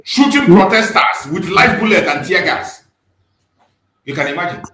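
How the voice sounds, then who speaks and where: A man's voice: sits high, big pitch swings, moderate pace, bright, forceful tone. A man with a Nigerian accent hosting a live call-in discussion, speaking in an emphatic, repetitive way. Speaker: host of a live online political discussion. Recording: roomy, echoing online stream.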